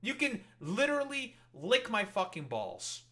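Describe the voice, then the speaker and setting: A man's voice: sits high, huge pitch swings, measured pace, pushed and bright. A man streaming and reacting to clips, talking in a heated, sarcastic, swear-filled rant. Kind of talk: profane rant commentary.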